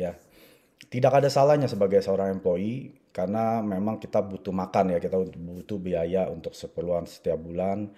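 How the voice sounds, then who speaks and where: A man in his forties, originally from Indonesia, recounts his own journey to listeners in a relaxed, conversational way. His voice sits a little low and sounds very dark and mellow. He keeps tagging his sentences with small fillers. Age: 40s. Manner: conversational, frequent filler "ya" and "gitu". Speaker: network marketing speaker. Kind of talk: personal story talk to an audience.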